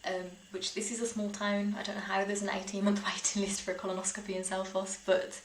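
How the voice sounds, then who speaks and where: A young British woman with a medium-pitched voice talks quickly and with little pitch movement, telling personal stories to camera. Like a vlogger, she's chatty and informal, slipping small laughs into her sentences. The recording is echoey and roomy, with faint background noise.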